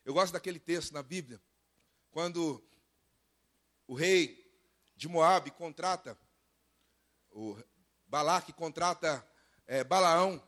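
A Brazilian man in his thirties preaching a lively sermon, mimicking complainers along the way. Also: on the high side, slow pace, long pauses. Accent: Brazilian Portuguese. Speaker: pastor.

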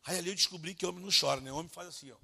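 Brazilian preacher, husky bright voice, soft to loud swings, storytelling sermon. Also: male voice, high-pitched, very fast. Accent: Brazilian Portuguese. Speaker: pastor. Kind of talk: evangelical sermon.

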